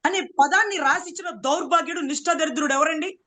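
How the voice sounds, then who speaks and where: A woman's voice: high-pitched, fast talker, bright, forceful tone. A woman from Andhra Pradesh arguing hard in a political debate, sarcastic and full of rhetorical questions. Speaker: political commentator.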